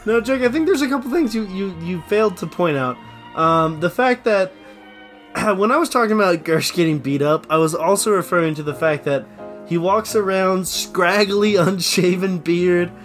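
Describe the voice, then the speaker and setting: A man co-hosting a comedy podcast, teasing quickly and laughing at his own jabs in casual chat. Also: high-pitched, soft background music. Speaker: podcast co-host.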